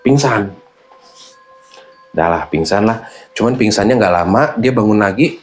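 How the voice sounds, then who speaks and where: A man's voice: on the low side, moderate pace, faint music behind. A man, animatedly telling a true horror story in casual slang. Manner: animated, slangy, acts out voices. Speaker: guest storyteller.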